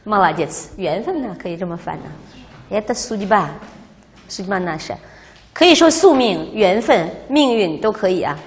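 A woman teaching a language class, explaining words and quizzing her students in a lively way, recorded in a classroom. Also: medium pitch, brisk, hardly any pauses. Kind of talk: classroom lecture. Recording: reverberant classroom.

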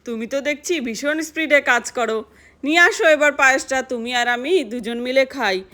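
A woman's voice: sits high, moderate pace, bright, forceful tone. Woman voicing a crafty, teasing man in a doll-play cartoon. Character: sly, teasing grown man who is a relative.

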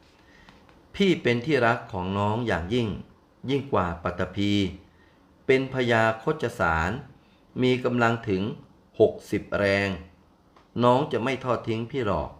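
An older man voicing a gentle, devoted female elephant who speaks sweetly and soothingly. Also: mid-range voice, unhurried, long pauses, natural voice.

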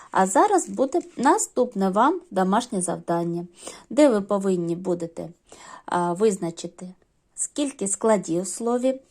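A middle-aged woman teacher giving a patient, step-by-step remote lesson to young children, pausing often with small fillers. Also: medium pitch, darkish tone. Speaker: primary school teacher.

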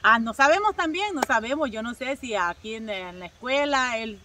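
A Salvadoran woman with a high, bright voice tells a casual story straight to her viewers, using many filler words and calling them her people. She sits a little back from the mic, so her voice sounds slightly distant. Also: animated, normal speed, a little hiss or hum. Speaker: vlogger.

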